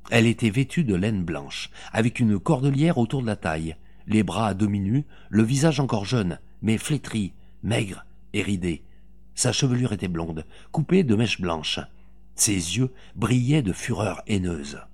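Low-voiced man narrating a novel dramatically. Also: normal speed. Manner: dramatic, expressive reading. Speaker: audiobook narrator.

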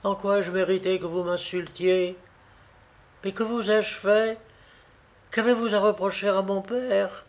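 A woman's voice: mid-range voice, fairly even intonation, unhurried, pauses often, pitched above the performer's own voice, lightly acted. A man reading an audiobook, voicing a proud young woman who is frightened but keeps her dignity. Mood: indignant. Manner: pleading, then indignant. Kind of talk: audiobook character voice.

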